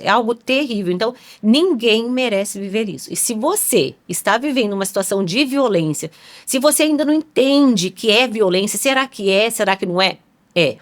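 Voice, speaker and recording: A woman co-hosting a podcast, speaking encouragingly and repeating key points for emphasis. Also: on the high side. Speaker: podcast co-host. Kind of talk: conversational podcast talk.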